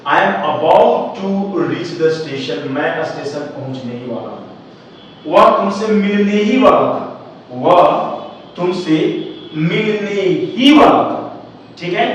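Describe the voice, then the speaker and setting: A man teaching a grammar class in a strongly echoing room, heard from a distance over faint background noise. His voice sits a little high, and he repeats phrases, slowly stretching the words he wants to stress. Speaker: English teacher.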